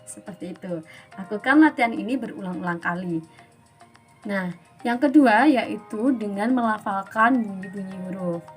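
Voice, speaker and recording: A woman's voice: mid-range voice, moderate pace, soft background music. A woman teacher giving an instructional lesson to her students, explaining step by step and asking rhetorical questions.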